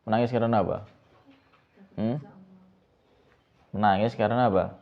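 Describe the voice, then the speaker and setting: A man's voice: lowish voice, fairly even intonation, moderate pace, lo-fi sound. A man teaching a pesantren kitab lesson as an ustaz. He reads the Arabic text, explains it, and keeps asking his students questions. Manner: asks students questions over and over, mixes in Javanese words.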